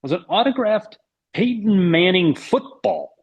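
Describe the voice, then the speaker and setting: A man's voice: sits high, expressive, a little slow, vocal fry, breathy edge, muffled recording. A man in his thirties chatting casually as a podcast guest, joking and rambling through anecdotes. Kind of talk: casual sports chat, anecdotes.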